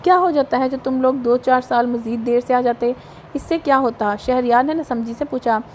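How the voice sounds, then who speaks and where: A woman with a Pakistani Urdu accent reading a romance novel aloud, voicing every character in a lively way. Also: high-pitched, normal speed, slight background noise. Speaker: audio novel narrator.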